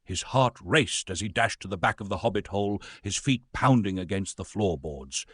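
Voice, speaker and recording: A man narrates a storybook tale with a lively, dramatic delivery. His voice is husky, and his pitch rises and falls widely. The sound is dry and close. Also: moderate pace, no echo.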